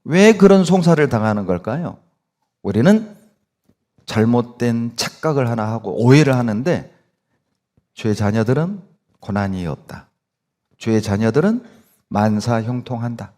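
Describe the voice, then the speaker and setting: A man's voice: medium pitch, animated, unhurried, pauses often, dark tone. A male pastor preaching a sermon with emphatic delivery and many rhetorical questions.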